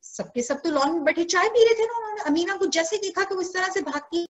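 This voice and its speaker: A woman's voice: very high voice, a little fast. A woman teacher with a Pakistani Urdu accent, telling a story to young pupils over a video call and repeating lines back to them as questions. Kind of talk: online class storytelling.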